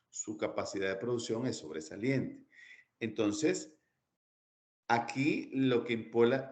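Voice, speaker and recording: A man teaching a recorded class, explaining step by step with many fillers and restarts. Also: fairly low pitch.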